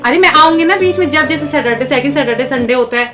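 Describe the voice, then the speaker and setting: A woman in her thirties with a high voice, coaxing and soothing her child in a casual home vlog. She talks softly and patiently, and faint music plays behind her. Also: fast talker. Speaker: vlogger, mother. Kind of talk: casual family vlog talk.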